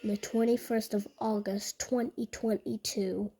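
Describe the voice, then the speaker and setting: A woman giving casual vlog commentary in a halting, repetitive way, often restating her phrases. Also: medium pitch, fairly even intonation, warm tone, husky. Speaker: video narrator.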